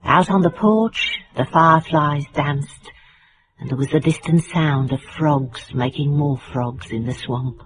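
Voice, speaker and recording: A low female voice, moving a little slowly, belongs to an actress cast as a middle-aged British private eye who is blunt and dryly wry, heard in radio drama dialogue and noir narration. The mood is wry and storytelling, with slight background noise over poor audio.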